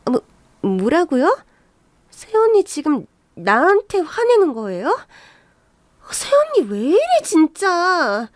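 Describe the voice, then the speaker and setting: A woman voicing a spoiled, snippy young sister-in-law who talks back in a shrill, indignant way, in a radio story reading. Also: sing-song, normal speed, no echo.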